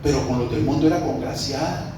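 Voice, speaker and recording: A man's voice: medium pitch, quick pace. A man with a Colombian Spanish accent, a pastor preaching a sermon and telling a story in a conversational way to his congregation in a church hall. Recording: roomy echo, mic at a distance, faint background noise.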